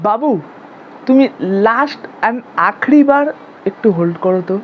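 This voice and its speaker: A young woman performing a comic sketch, flipping quickly between sweet-talking and bickering characters. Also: a little high, animated, dull audio, background noise. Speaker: comedy sketch creator. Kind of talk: comic sketch acting several roles.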